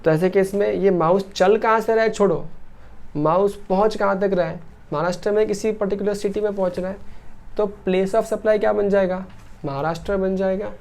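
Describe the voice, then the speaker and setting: Mellow-voiced male lecturer. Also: sits high, steady tone, moderate pace, vocal fry. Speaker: teacher. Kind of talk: recorded lecture.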